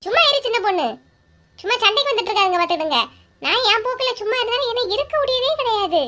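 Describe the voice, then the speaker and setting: A woman's voice: very high-pitched, expressive, fast talker, sharp tone, exaggerated voice. A woman with a Kanyakumari Tamil accent voicing a quarrelsome middle-aged village woman in a comic cartoon, scolding and indignant. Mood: sulky.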